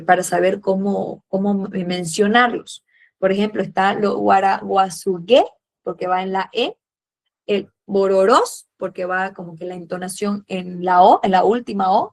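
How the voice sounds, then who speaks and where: Woman history teacher, patient and questioning, fond of diminutives, mid-pitched voice. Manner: patient, fills pauses with "eh" and "a ver", uses diminutives. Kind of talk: classroom lesson, questioning students.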